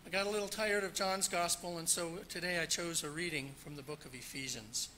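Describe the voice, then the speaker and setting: Brief: male preacher in a church, very bright and forceful tone, slightly high, joking storyteller. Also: a little hiss or hum, poor audio. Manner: jokey, storytelling, then explanatory. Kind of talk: sermon with jokes. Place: church sanctuary.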